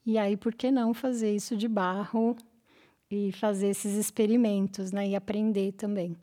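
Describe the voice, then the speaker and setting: A woman speaking as a guest in a radio studio interview, talking in a relaxed, rambling way with frequent fillers. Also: medium pitch, moderate pace. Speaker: interview guest, cultural center member. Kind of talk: podcast interview.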